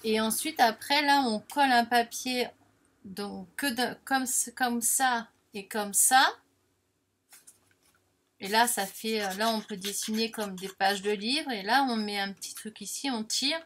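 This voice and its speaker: A woman's voice: fairly high pitch, a little slow, fairly bright tone. A woman chatting casually while demonstrating a paper craft, self-deprecating and full of little filler words. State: has the hiccups. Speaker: crafting vlogger.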